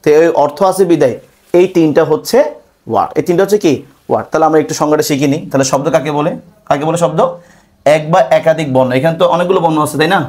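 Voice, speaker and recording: A male English teacher with a Bangladeshi Bengali accent, giving a classroom lesson. He keeps asking questions and answering them himself, and he slows down to repeat key words. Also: on the high side, darkish tone.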